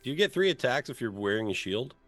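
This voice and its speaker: A man's voice: medium pitch, sing-song, fast, a bit bright, no echo, soft background music. A man acting as game master of a tabletop role-playing game, talking casually as he narrates and rules on play.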